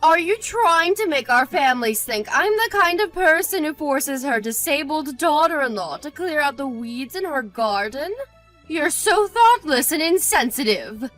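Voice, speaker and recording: Woman acting a high-pitched, hurt and angry mother-in-law. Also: expressive, a little slow, fairly bright tone, faint music behind, low-quality recording. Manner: indignant, hurt and angry, scolding. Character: haughty, cruel, self-pitying older mother-in-law. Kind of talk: scripted audio drama acting.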